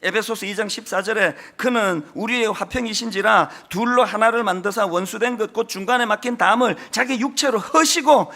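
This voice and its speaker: There's vocal fry in this middle-aged man's extremely high-pitched voice as he preaches a Sunday sermon as senior pastor. He comes from South Korea's Gyeongsang region and has a strong Gyeongsang Korean accent. His preaching is emphatic, swelling to forceful peaks, with folksy asides.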